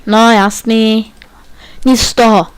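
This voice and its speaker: A man's voice: sits high, little pitch movement, smooth. A man giving playful, joking commentary while playing a video game. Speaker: let's play gamer.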